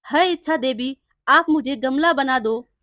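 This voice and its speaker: A woman's voice: high voice, unhurried, bright, forceful tone, dry recording, clean studio sound. A woman voicing a jealous, scheming male village blacksmith in a storybook tale. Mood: gloating.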